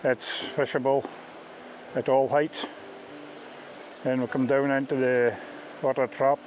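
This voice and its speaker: A Scottish man, a fishing ghillie, explains his river beat in an informal, interview-style talk out on the riverbank. His mid-range voice is darkish with little pitch movement, and his delivery is halting and plain-spoken. The audio is poor, with outdoor noise behind him.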